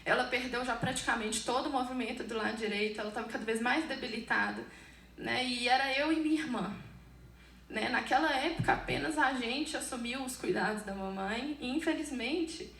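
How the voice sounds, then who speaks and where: A woman with a Brazilian Portuguese accent giving an earnest personal testimony in church, halting often and restarting her phrases. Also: a little high, creaky, fairly bright tone, reverberant, recorded from a distance, slight background noise.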